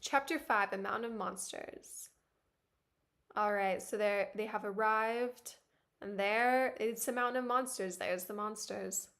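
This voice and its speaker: Slow-talking giggly woman streamer. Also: medium pitch. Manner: giggly, excitable reactions. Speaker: live streamer reading a webtoon. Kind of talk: live reading and reaction.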